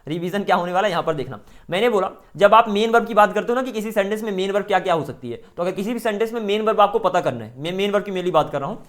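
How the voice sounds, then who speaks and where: Chatty Indian English teacher, high voice. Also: male voice. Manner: chatty teacher, mixes Hindi and English, repeats checks for understanding. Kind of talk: online grammar lesson.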